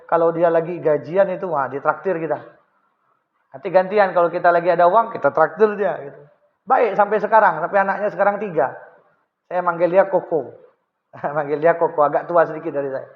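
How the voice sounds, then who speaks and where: A man's voice: fairly high pitch, big-room sound, dull audio. A man preaching a sermon, telling stories in a chatty way and addressing his listeners directly. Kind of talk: sermon with storytelling. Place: mosque hall.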